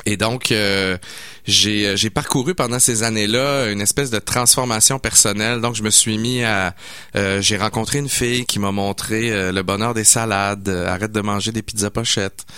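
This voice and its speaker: A man's voice: fairly low pitch, steady tone, normal speed, pushed and bright, clean tone, no echo. A man in his forties with a Québécois accent, chatting enthusiastically as a guest in a studio interview, with lots of hesitant fillers. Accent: Québécois French. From Quebec City, Canada. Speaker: guest mixologist. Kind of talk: casual radio interview. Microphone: studio microphone.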